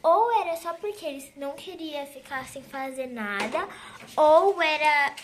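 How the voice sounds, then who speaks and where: Sweet chatty flight attendant, gentle, high pitched, a young woman doing her, faint hiss behind. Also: lively intonation, unhurried. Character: kind, helpful female flight attendant.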